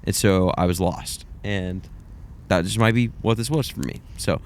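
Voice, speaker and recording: Chatting about films as a podcast co-host, this young man speaks in a low voice at a normal speed. His reviews wander, hedge, and lean self-deprecating.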